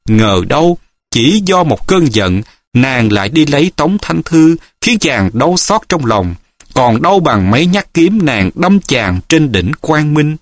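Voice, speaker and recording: A man's voice: fairly high pitch, big pitch swings, takes it slowly, dry recording, studio quality. A man narrating a martial-arts novel as an audiobook, reading expressively and dramatically.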